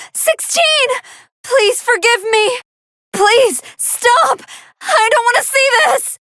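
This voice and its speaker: High-pitched, polite android scientist commentator Android 21. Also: female voice, slow pace, no room sound, studio quality, exaggerated voice. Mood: distraught, pleading. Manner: formal, precise, earnest, expressive. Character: polite, soft-hearted female android scientist commentating fights. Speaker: match commentator. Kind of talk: scripted video game fight commentary.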